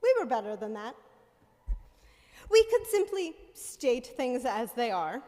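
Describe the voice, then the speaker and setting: Slow high-voiced woman preaching at a pulpit mic. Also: very animated, warm tone. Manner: measured and conversational, asking the congregation "right?". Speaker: minister. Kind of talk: sermon. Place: church sanctuary. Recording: long reverb of a church hall.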